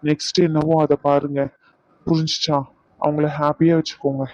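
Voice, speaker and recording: A man voicing a flat-toned cartoon doctor. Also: fairly high pitch, moderate pace, no room sound, muffled recording, lightly acted. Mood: calm. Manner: steady, explanatory. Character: calm male doctor explaining treatment.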